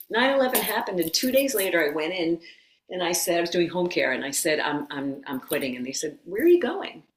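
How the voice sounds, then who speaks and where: A middle-aged woman, a yoga teacher and former occupational therapist, telling her story as a guest in a casual interview, animated and quick to laugh. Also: on the low side. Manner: animated storyteller who acts out quotes and laughs often. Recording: roomy echo.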